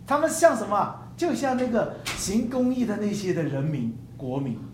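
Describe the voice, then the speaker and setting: A preacher in full sermon mode, emphatic and animated, with a voice that rises and falls over a wide range. The talk is full of rhetorical questions, and English terms surface now and then. A faint hum of room ambience sits underneath. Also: mid-range voice, normal speed.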